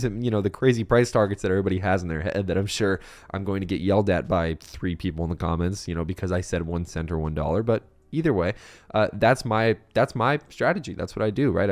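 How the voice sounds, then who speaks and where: A young man hosting a casual crypto video, chatty and rambling, with a voice that is a bit rough today. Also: lowish voice. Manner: chatty and rambling, many fillers and restarts. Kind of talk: casual market commentary.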